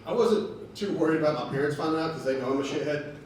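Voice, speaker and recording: A man doing a stand-up comedy set in a bar, telling stories with deadpan delivery. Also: a little high, fast talker. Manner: deadpan storytelling with acted quotes. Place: bar stage with laughing audience. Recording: echoey bar room from far off, noisy.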